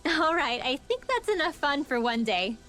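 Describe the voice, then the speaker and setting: A prim, high-voiced young heroine. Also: female voice, sing-song, normal speed, a bit bright. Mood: composed. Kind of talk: game character dialogue.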